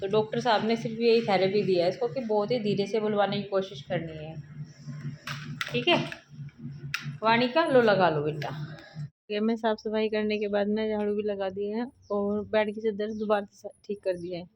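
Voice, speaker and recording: Young female family vlogger with an Uttar Pradesh Hindi accent, chatty and explanatory, everyday mid-pitched voice. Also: moderate pace, background noise. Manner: chatty, explains each chore to viewers as she works. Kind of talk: casual vlog narration of housework.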